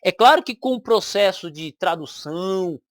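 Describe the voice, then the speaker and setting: A woman's voice: mid-range voice, expressive, moderate pace, no room sound, studio quality. A woman with a Brazilian Portuguese accent, giving argumentative reaction commentary on a video and repeating her points for emphasis.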